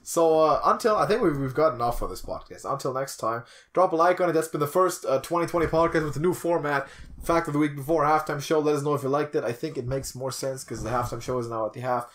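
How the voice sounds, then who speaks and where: A young man with a fairly high voice talks fast as he hosts a podcast from a small attic room indoors. The conversation is casual and full of teasing.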